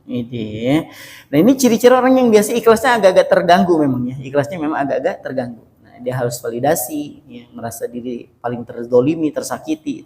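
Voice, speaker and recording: A man's voice: fairly high pitch, a little mellow. A male Islamic preacher giving a humorous sermon, telling stories and often turning to address his listeners directly. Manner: joking, storytelling, often addresses listeners as "Pak".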